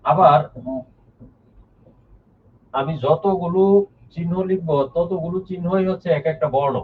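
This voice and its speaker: A man's voice: a little high, a little slow, a little hiss or hum. Male teacher, live online lesson, patient step-by-step explainer, heard distant from the mic. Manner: explains step by step, repeats key points, reads out viewers' names. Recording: lo-fi phone-like sound from off the mic.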